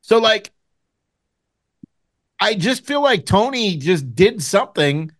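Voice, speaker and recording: A man's voice: sits high, sing-song, takes it slowly. A man co-hosting a wrestling podcast, reasoning through his opinion. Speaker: podcast co-host. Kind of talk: casual wrestling podcast chat.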